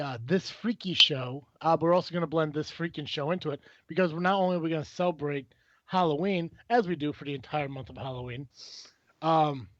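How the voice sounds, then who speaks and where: A man hosting a casual podcast, talking excitedly and rambling with many restarts and fillers. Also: on the high side, dry recording, lo-fi sound. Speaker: podcast host.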